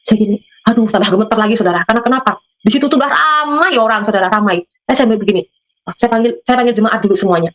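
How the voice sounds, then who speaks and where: A woman's voice: a little high, racing, a bit bright. A woman from Madura giving a spoken religious testimony, telling her story to listeners and acting out the voices of the people in it. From Madura, Indonesia. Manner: storytelling, often addresses listeners directly. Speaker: testimony guest.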